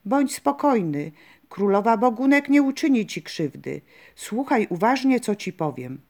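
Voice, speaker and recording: A woman's voice: a little high, big pitch swings, measured pace, full character voice. A woman reading as a sweet river-spirit queen. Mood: gentle, calm. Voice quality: soft, sweet-toned.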